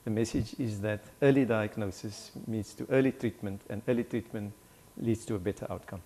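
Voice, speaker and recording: A man, a doctor guest on a studio talk show, explaining in a measured way. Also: fairly low pitch, mellow.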